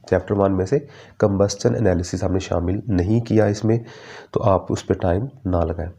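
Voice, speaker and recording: A man teaching a chemistry exam-prep lesson, addressing students in a fatherly way and slowing down to read English syllabus lines. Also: sits low, steady tone, vocal fry, warm tone. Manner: fatherly, calls students "beta", mixes English terms.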